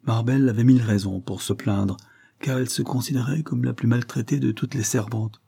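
A man narrating a novel in a measured, even storytelling manner. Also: mid-range voice, creaky, husky. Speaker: audiobook narrator.

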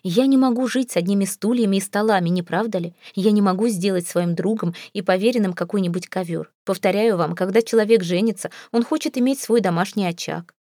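A woman's voice: mid-range voice, fairly quick, few pauses, dark tone, no room sound, studio quality, natural voice. A woman voicing an exasperated, proud young husband in an audiobook, speaking with clipped, rising indignation. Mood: irritated. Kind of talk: audiobook character reading.

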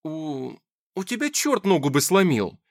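A man voicing an eager, excitable young woman anxious to please. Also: on the high side, unhurried, pitched above the performer's own voice, heavily acted. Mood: excited. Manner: bubbly, excitable.

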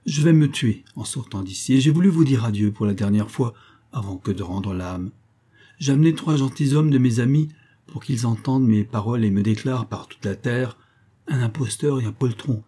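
A man's voice: mid-range voice, normal speed, dark tone, slightly rough, close to an everyday voice. A man reading the part of a bold young cavalier lover, gallant and theatrical, in an audiobook.

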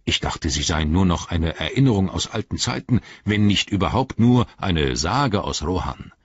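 Earnest ranger, male, rough-edged and low, a male reader doing him; dry lo-fi audio. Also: animated, normal speed, no echo, heavily acted.

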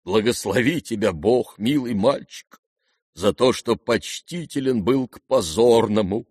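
A man's voice: lowish voice, measured pace, darkish tone, no room sound, studio quality. A man voicing an old disgraced general in an audiobook, rambling and sentimental, given to theatrical outbursts. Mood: grandiose. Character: old drunken disgraced male general, maudlin and boastful. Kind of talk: audiobook character reading.

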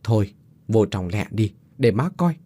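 A man voicing an anxious, weary older village mother who speaks in a worried, hushed way. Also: on the low side, expressive, a little slow, slightly rough, no room sound.

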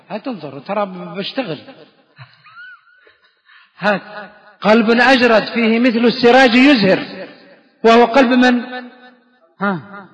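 A man teaching Quran exegesis to a study circle, firing quick questions at his students and praising their answers briskly. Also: sits high, a bit bright. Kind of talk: classroom question-and-answer lesson. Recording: dull reverberant lo-fi hall recording.

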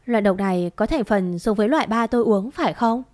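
A woman voicing a calm, commanding young master of the house who speaks firmly. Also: mid-range voice, quick pace, dry recording, close to an everyday voice.

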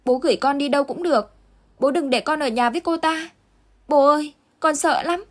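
A woman's voice: high voice, normal speed, pitched above the performer's own voice, natural voice. Woman doing a tearful little boy. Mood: tearful pleading. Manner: pleading, whimpering. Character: young boy, timid and tearful.

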